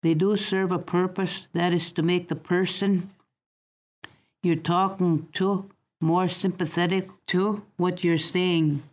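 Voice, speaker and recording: Slow, measured woman teaching a language. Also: lowish voice, flat delivery, a little mellow. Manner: slow, deliberate, repeats words for practice. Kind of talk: recorded language lesson.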